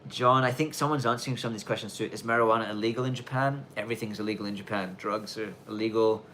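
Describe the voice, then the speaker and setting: This fairly low, slightly bright voice belongs to an Australian man in his thirties fielding viewer questions during a casual live stream, with slight background noise. His accent mixes Australian and London with a touch of Irish twang. He wanders, corrects himself and restarts often, taking care to enunciate.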